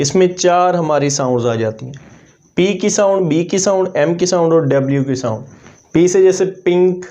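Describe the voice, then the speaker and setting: A man teaching an English language lesson, explaining methodically and repeating example words slowly to demonstrate them. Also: fairly high pitch, mellow, dull audio.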